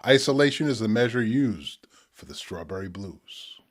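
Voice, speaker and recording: Man reciting spoken word poetry, measured and deliberate. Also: on the low side, lively intonation. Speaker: poet presenting own work.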